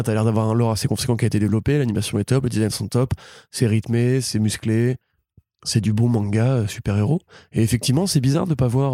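A man co-hosting a casual pop-culture podcast, talking rapidly and joking while he runs through series news. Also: lowish voice, mellow, no echo, studio quality. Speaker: podcast co-host.

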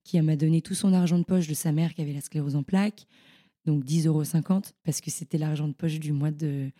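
Young woman, podcast guest, low mellow voice, lively slangy storytelling. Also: fairly quick. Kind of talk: casual storytelling interview.

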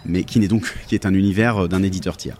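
Male guest, lowish voice, relaxed and hesitant chat, faint music bed. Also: fast. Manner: thoughtful, hesitant with many fillers. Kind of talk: casual chat about tabletop games.

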